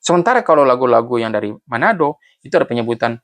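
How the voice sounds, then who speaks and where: A man from Central Sulawesi in Indonesia, an author casually talking through his essay and thinking aloud, often pausing and restarting. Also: medium pitch, expressive, fairly bright tone. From Banggai Laut, Central Sulawesi, Indonesia. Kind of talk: casual spoken commentary.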